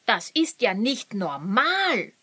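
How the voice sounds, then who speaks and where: A woman voicing an excitable, impatient young girl who pleads and whines in a children's storybook. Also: slow, breathy edge, no echo, exaggerated voice. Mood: pleading. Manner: high whiny pleading.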